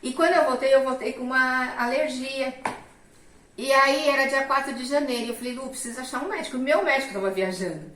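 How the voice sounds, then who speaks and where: Middle-aged woman, animated testimony storyteller, highish voice, roomy distant mic. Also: a little fast, slight background noise. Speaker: guest telling her testimony. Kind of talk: personal testimony in casual conversation.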